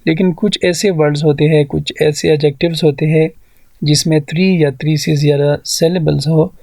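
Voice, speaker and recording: A man teaching an English grammar lesson, explaining rules slowly and spelling words out syllable by syllable. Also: a little high, steady tone, vocal fry, a little mellow, no room sound. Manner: mixes Hindi-Urdu explanation with read-out English rules.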